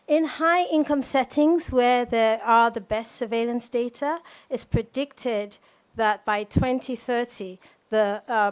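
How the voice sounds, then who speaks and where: A woman moderating a panel, speaking in a measured way with occasional restarts. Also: a little high. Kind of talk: panel discussion.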